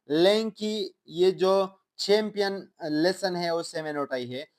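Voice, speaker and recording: Slow, deliberate man teaching English. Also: sits high. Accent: Pakistani. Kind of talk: lecture explaining English in Urdu.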